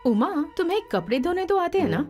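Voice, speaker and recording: A woman's voice: extremely high pitch, very animated, a little fast, darkish tone, soft background music. An actress playing a blunt, scolding woman of the hero's family in a dubbed film. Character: bossy older woman of the family.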